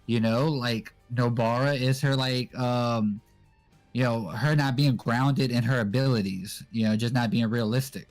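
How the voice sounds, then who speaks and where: A young man guesting on a casual anime discussion, explaining in a relaxed way with lots of fillers. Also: mid-range voice, measured pace, faint music behind. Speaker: guest co-host.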